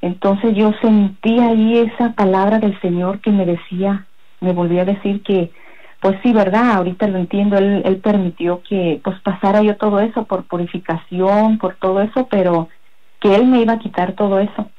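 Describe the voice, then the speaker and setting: Woman giving a halting faith testimony. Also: mid-range voice, fairly even intonation, muffled recording. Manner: halting, rambling storytelling with many fillers. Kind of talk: personal religious testimony.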